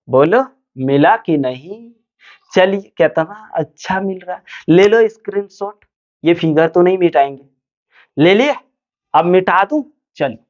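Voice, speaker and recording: A man's voice: high voice, lo-fi sound. A male physics teacher giving a classroom lecture, asking students questions and answering them himself. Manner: calls students "bhaiya" and "dear children".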